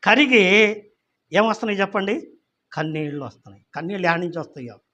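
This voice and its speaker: High-pitched pastor preaching, keeps asking the crowd questions, slows way down for scripture. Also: male voice, animated, sharp tone. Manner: calls out questions to the congregation, repeating "ఏమండి?"; slows right down to read scripture. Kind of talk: sermon.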